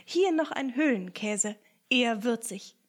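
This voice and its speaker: A woman voicing a polite male mouse who explains things in a hushed, courteous way. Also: a little high, lively intonation, measured pace.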